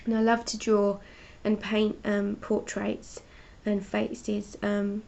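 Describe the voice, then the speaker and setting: A congested woman with a cold hosts a live stream where she displays her paintings and chats casually about them. She speaks slowly in a mid-range, monotone, creaky voice that is a little mellow and sounds stuffy.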